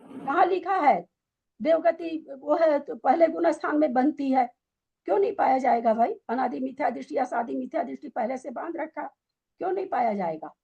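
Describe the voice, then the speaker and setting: A woman's voice: high-pitched, normal speed, creaky, muffled recording. A woman teaching a scripture study class, quizzing and scolding her students with pointed questions.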